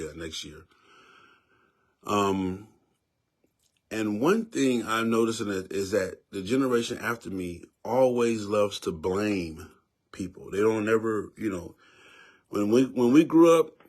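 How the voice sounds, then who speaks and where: Preachy fifties man, low voice. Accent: Southern US. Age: 50s. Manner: preachy, emphatic, repeats words for emphasis. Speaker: vlogger giving opinion. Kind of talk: casual spoken commentary.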